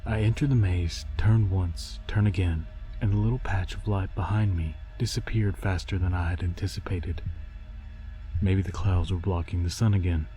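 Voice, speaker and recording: A man narrating a scripted scary story in a haunting, deliberate storytelling voice. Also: low-pitched, fairly even intonation, dark tone. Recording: music behind the voice. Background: music.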